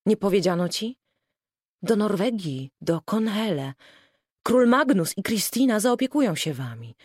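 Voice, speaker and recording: A woman reading a devoted aunt who is tender yet urgent, giving blessings and warnings. The voice rises and falls in a lively way, recorded dry and close. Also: medium pitch, a little slow, slightly rough, dry recording. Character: kindly aunt bringing urgent news.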